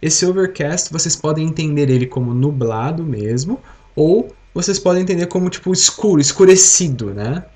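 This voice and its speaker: A man's voice: fairly high pitch, animated, moderate pace, darkish tone. A young Brazilian man with a Brazilian Portuguese accent, teaching an English lesson on a live stream and having the class repeat words after him. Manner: explains patiently, drills words and asks the class to repeat.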